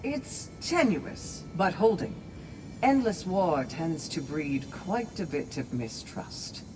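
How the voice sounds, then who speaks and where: A woman voices a steadfast, kindly Valkyrie warrior in a video game cinematic, composed, articulate and formal, with a measured, informative mood. Her lowish voice is slow with big pitch swings, and game music and background noise sit behind it.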